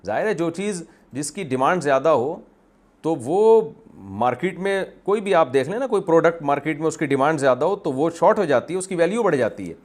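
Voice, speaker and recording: Male Islamic scholar, somewhat high voice, forceful repetitive lecturing. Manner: emphatic, argumentative, repeats phrases for stress. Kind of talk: religious lecture.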